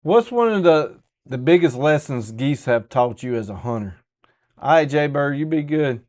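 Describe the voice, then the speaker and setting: A man's voice: on the high side, expressive, moderate pace, a little mellow. Southern us guy hosting a podcast, real folksy and casual, talks like regular folks. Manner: folksy, colloquial. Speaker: podcast host.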